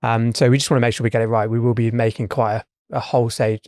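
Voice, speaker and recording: A man's voice: mid-range voice, flat delivery, very fast, a little mellow, no echo, clean studio sound. A man, co-hosting a podcast in casual chat, speaking thoughtfully and hesitantly with many fillers. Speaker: podcast co-host.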